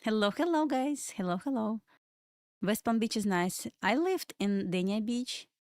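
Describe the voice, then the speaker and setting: Speaking a little slowly in a slightly high, expressive, mellow voice, this young adult woman from Belarus has a Russian accent. She's a livestream trading host in a Florida home room, chatting and rambling as she fields chat questions between comments on the market. The sound is studio quality with no echo.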